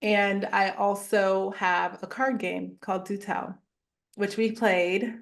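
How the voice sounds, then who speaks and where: Slow, gravelly-voiced woman guest. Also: mid-range voice. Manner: measured, explanatory, steady. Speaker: therapist and wellness founder, guest. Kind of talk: podcast interview conversation.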